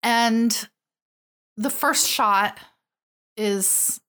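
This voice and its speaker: A woman's voice: on the high side, very slow, fairly bright tone, clean tone. A woman co-hosting a podcast, chatting candidly and wryly about a TV episode. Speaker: podcast co-host. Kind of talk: casual chat reviewing a TV episode.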